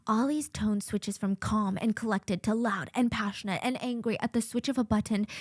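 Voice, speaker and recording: A woman talks through a case in a casual, opinionated way, slipping into slow, hushed asides. Her voice sits a little high. The sound is dry and close, with no room around it. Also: dry recording. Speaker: podcast host. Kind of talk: casual true-crime commentary.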